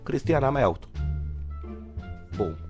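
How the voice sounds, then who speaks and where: A young man from Romania's Giurgiu area telling a comic storytime tale in slang, swinging from loud outbursts to low mutters. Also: animated, over music. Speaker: vlogger.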